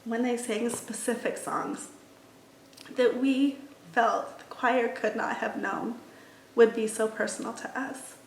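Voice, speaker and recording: A middle-aged woman recalls a family moment in an earnest, emotional testimony. Her voice sits a little high with a gravelly edge. She sounds set back from the mic in a roomy space. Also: fairly even intonation, takes it slowly, background noise. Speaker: mother. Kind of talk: personal testimony interview. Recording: roomy, slightly distant mic.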